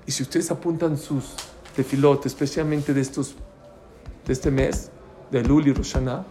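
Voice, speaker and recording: A man's voice: mid-range voice, fairly even intonation, moderate pace, music in the background. A man, a rabbi giving a storytelling sermon who keeps asking his listeners questions. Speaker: rabbi teaching a Torah class.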